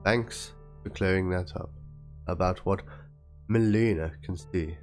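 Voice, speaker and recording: A low-pitched man reads a written document and chat messages in a measured, dramatic way, like a theatrical narration. Instrumental background music plays under his voice.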